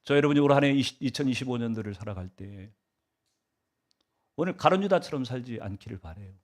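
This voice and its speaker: A man's voice: medium pitch, lively intonation, brisk. A male pastor delivering a Sunday sermon, asking the congregation rhetorical questions and swinging his emphasis up and down.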